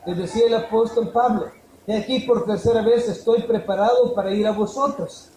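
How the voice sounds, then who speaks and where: A man preaching a fervent sermon, swinging from emphatic peaks down to low, quiet lines. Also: fairly even intonation, moderate pace. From El Salvador. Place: church hall. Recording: echoey church room, faint noise.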